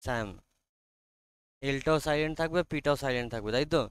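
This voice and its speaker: A male teacher with a Bengali accent running a classroom lesson, quizzing his students and reading English lines slowly aloud. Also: mid-range voice, smooth.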